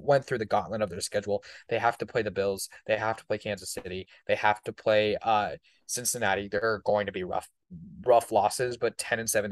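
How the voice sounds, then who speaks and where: A man's voice: fairly low pitch, no room sound. A man co-hosting a sports podcast, giving confident, firm predictions in casual talk. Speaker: podcast co-host.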